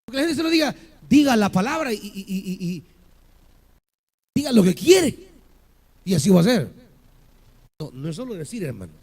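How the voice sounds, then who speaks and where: A male pastor preaching a sermon with passion, asking the congregation rhetorical questions and building to shouted peaks. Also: high voice, big pitch swings, moderate pace, long pauses, breathy edge.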